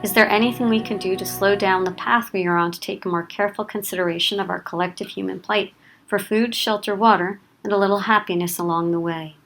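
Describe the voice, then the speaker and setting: Woman, documentary narrator, earnest, reflective, mid pitch, clear music behind. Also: steady tone, fast, a bit bright, poor audio.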